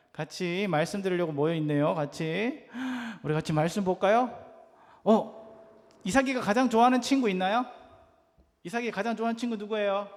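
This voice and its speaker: Man for a children's sermon: high, soft, coaxing questions to a little one, reverberant hall. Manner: gentle, coaxing, asks a small child many questions. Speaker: preacher for children. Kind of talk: children's sermon with picture storytelling.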